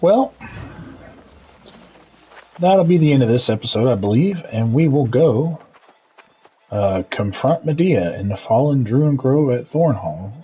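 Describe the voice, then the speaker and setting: A man giving casual video game commentary as host, low-key and musing aloud. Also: animated, a little slow, pauses often, warm tone, breathy edge, low-quality recording.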